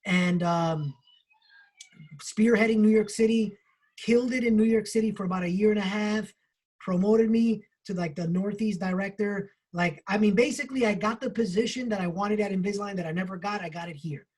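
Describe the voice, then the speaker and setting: A man co-hosting a book club, telling a personal story in an animated way with casual swearing. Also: high-pitched, fairly quick, husky.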